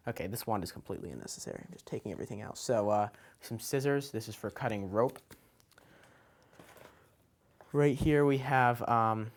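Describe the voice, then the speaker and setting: Casual, low-voiced man showing his magician's kit. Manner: informal, hesitant, loosely improvised item-by-item delivery. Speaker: children's magician presenting own kit. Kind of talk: casual show-and-tell explanation.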